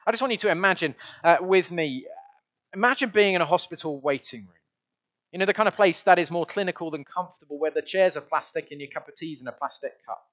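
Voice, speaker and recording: Earnest preacher, muffled recording. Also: male voice, on the high side, fast, fairly bright tone. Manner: earnest, conversational, with many restarts. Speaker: pastor. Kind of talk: sermon. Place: church.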